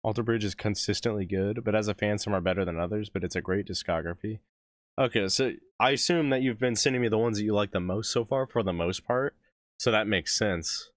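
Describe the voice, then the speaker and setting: On a dry, studio-quality recording, a man speaks a little fast in a voice on the low side. He's hosting a music reaction livestream while losing his voice, rambling casually to viewers, cutting himself off, and laughing frequently.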